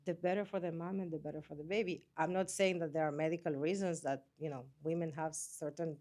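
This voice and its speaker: Earnest interview guest, a woman, somewhat low voice. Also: fairly even intonation, brisk, dark tone. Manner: earnest, repeats and restarts phrases. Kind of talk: conversational interview.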